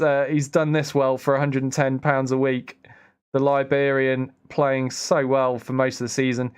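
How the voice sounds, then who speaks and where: A man commentating live on his football management game, excitable and self-mocking with sarcastic asides. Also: mid-range voice, clear, resonant tone.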